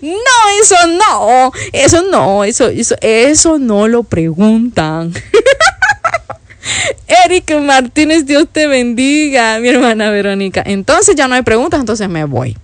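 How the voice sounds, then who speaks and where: This woman, a Salvadoran church worship leader in her fifties, chats warmly on a live stream, reading viewers' comments aloud and laughing often. Her voice sits on the high side with big swings in pitch, and she takes her time. She speaks with a Salvadoran Spanish accent in a casual live-stream style.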